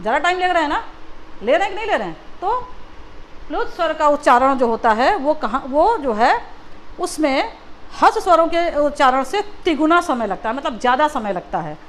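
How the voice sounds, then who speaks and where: A woman's voice: high-pitched, very animated, moderate pace, a little hiss or hum. A woman teacher giving a Hindi lesson to young children, patiently asking and repeating questions. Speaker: school teacher.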